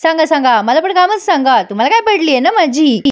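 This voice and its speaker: A woman voicing a sharp-tongued, jealous young wife who taunts her husband. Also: sits high, brisk, close to an everyday voice. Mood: angry taunting. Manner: scolding, taunting.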